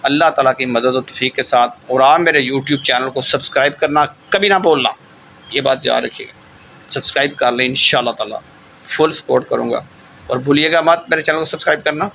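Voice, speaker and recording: Bright-voiced man teaching German pronunciation. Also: medium pitch, creaky, slight background noise, low-quality recording. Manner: repeats words slowly and checks in with "theek hai". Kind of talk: online language lesson.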